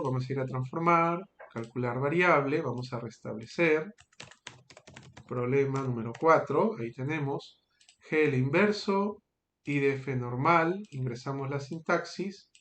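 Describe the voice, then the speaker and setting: Male teacher, patient step-by-step explainer, fairly high voice, echoey room. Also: a bit bright. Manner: patient, checks in with frequent tag questions. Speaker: statistics teacher. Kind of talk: screen-recorded tutorial.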